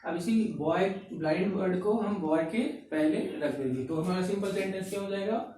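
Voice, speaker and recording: Male grammar teacher, high voice, slow word-by-word dictation, heavy room echo. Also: darkish tone, distant mic. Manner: slow and repetitive, says "ठीक है" constantly and dictates example sentences word by word. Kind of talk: classroom-style grammar lesson. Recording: very echoey room, voice from off-mic, faint noise.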